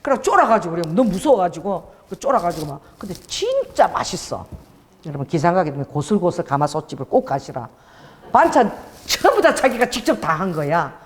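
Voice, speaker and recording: Lively woman preaching in an echoing hall. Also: lowish voice, brisk. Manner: animated, prompts the congregation with "amen?". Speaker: pastor. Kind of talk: sermon with storytelling. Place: church worship hall. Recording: long hall reverb.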